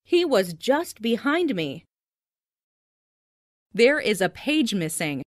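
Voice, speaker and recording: A woman reading simple English phrases slowly and carefully for learners, saying each one twice. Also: on the high side, big pitch swings, no room sound, clean studio sound. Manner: careful, clearly enunciated, each sentence said twice.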